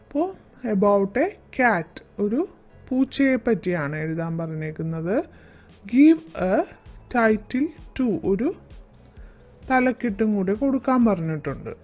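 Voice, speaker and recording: A woman with a Malayali accent teaches a primary class lesson at an unhurried pace. She spells out English sentences word by word, then walks through their meaning. Faint music plays underneath. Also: medium pitch, lively intonation, a little mellow. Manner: reads English lines very slowly and deliberately, then explains in Malayalam.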